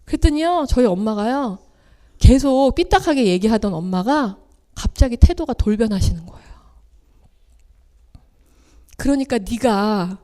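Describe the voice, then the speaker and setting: A high-voiced woman speaks at a seminar. Her pitch leaps and falls as she tells personal stories, and she slips into the voices of the people she quotes. She is middle-aged and talks in the manner of a motivational speech. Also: animated, normal speed, mellow. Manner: storytelling, acting out quoted family voices with big swings.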